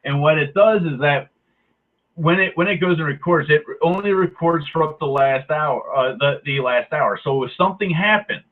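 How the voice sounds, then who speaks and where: A man's voice: on the high side, normal speed. A man in a heated, profane, sarcastic rant, speaking his mind to the camera. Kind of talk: angry ranting monologue. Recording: tinny phone-like audio.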